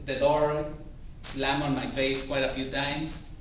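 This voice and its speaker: In a very reverberant meeting room, a camera or room microphone picks up a non-native English speaker from afar, with faint noise around him. He's a club member practicing a personal motivational speech for a small audience, speaking in halting phrases separated by deliberate pauses. His medium-pitched voice is level and slightly bright.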